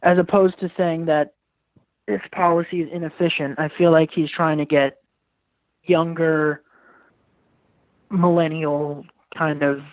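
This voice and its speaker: A teenage guy phoning in on a thin, tinny line that sounds boxy and dry, his voice a bit high for a man. He talks earnestly and at length, hunting for the right words as he goes. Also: level tone, a little slow, long pauses, dry recording. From New York, USA. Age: teens. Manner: earnest, wordy, searching for words. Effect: heard over the phone. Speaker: caller. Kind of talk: casual call-in talk. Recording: tinny, breaking-up phone line.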